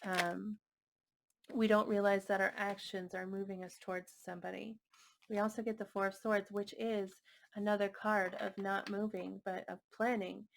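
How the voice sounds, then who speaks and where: Gravelly-voiced woman reading tarot. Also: mid-range voice, level tone, normal speed, a little hiss or hum. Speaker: tarot reader.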